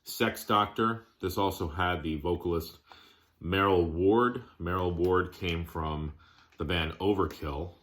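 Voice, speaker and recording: A man casually shows off his collection, naming items in short, halting, plainspoken phrases. His voice sits low and sounds a bit bright.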